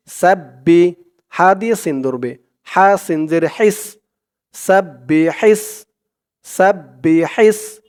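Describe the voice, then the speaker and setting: High, clear-voiced man teaching Quran recitation. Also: a little mellow. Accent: Bangladeshi. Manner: spells out letters and vowels, then recites slowly and drawn out. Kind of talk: step-by-step recitation lesson.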